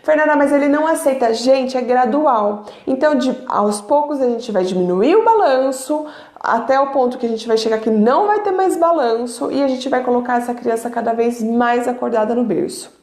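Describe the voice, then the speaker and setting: Woman in her thirties, high voice, chatty sleep coach addressing parents, echoey room. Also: moderate pace, darkish tone. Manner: conversational, asks the audience rhetorical questions. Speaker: sleep consultant. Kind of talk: informal teaching talk to parents.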